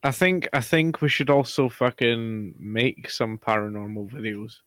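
Young man co-hosting a podcast. His voice sits at a mid pitch with a dry, close sound, and his chat is blunt and full of swearing. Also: steady tone, measured pace, a bit bright, no echo. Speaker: podcast co-host. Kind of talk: casual chat.

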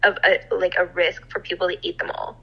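A woman's voice: fairly low pitch, flat delivery, a little fast, creaky, husky, muffled recording. A young woman co-hosting a podcast, chatting casually and swearing freely. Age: young adult. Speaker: podcast co-host. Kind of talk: casual chat.

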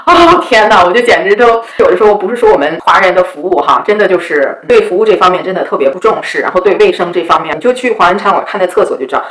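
A woman's voice: fairly low pitch, racing, few pauses, fairly bright tone, reverberant, low-quality recording. A woman telling stories to her viewers in a casual, chatty way, often asking "you know?". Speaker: vlogger. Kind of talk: casual storytelling.

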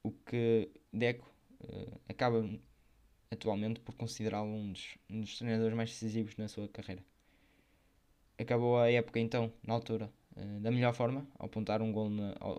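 A man with a European Portuguese accent hosting and narrating football biography in a semi-scripted, measured way. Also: fairly low pitch, level tone, warm tone. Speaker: host of a football history programme.

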